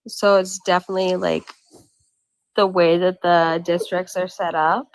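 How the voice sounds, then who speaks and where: A woman's voice: on the low side, little pitch movement, a little slow, dry recording, rough recording. A woman from Massachusetts talking bluntly in a casual video-call chat, swearing freely. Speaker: guest.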